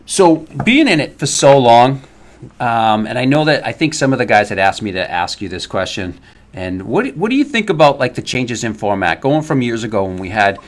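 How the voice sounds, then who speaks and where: A man's voice: mid-range voice, big pitch swings, moderate pace. A man hosting a casual podcast, chatty and telling stories with an easy laugh. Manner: chatty, laughs easily, storytelling. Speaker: podcast host.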